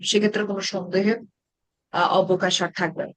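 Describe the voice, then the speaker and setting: A woman's voice: medium pitch, flat delivery, fast, no echo. A woman teaching an Arabic grammar class in Bengali-accented speech, explaining patiently and asking her students questions. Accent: Bangladeshi Bengali.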